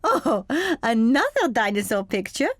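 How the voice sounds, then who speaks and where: A woman voicing a kindly gazelle playgroup teacher in a children's cartoon, gentle and encouraging. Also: fairly high pitch, very animated, measured pace, no room sound. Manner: gentle and encouraging, sing-song. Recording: studio voice with background music.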